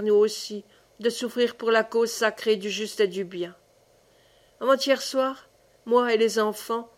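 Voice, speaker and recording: A woman narrating a classic literary audiobook in a measured, expressive reading. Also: fairly high pitch. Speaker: audiobook reader.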